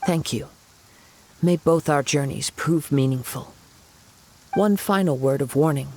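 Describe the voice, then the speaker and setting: An actor playing a calm, reflective young wandering samurai in a video game, speaking in measured, lyrical, formal phrases. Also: male voice, on the high side, slight background noise, rough recording. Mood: calm, earnest. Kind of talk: scripted game dialogue and storytelling. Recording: music behind the voice.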